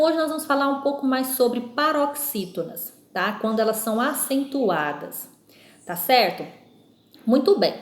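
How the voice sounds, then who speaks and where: A Brazilian woman teacher giving a recorded lesson to young pupils, slowly stressing example words and often checking in with them. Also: on the high side. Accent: Brazilian Portuguese. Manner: slow, emphatic spelling-out of example words. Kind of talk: recorded remote school lesson. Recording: echoey room sound.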